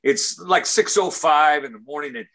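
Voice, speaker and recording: A man in casual conversation, telling a funny story, animated and often repeating words as he starts sentences. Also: on the high side, moderate pace. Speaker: comedian and recovery speaker.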